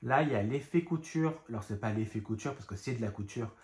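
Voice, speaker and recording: A man's voice: medium pitch, quick pace, a little mellow, echoey room. A man casually showing his craft supplies in a home vlog, chatty and rambling with many fillers and asides. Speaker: craft vlogger. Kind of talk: casual show-and-tell vlog.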